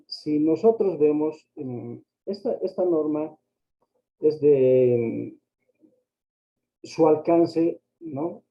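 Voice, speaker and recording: A man lecturing on accounting over a choppy, crackly microphone line, hesitant and full of fillers and tag questions. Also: a little high. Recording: dull lo-fi sound, faint music behind.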